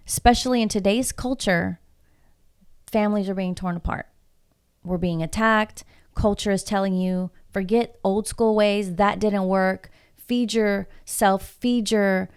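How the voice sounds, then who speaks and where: A woman from Houston, Texas, whose first language is Spanish, is a guest in a casual podcast conversation, sounding emphatic and reflective and posing many rhetorical questions. Her mid-range voice is smooth and a little mellow.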